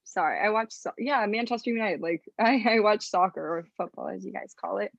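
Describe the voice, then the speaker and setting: A woman co-hosting a casual podcast, chiming in eagerly with giggly, quick remarks. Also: medium pitch, vocal fry, no echo, muffled recording. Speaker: podcast co-host.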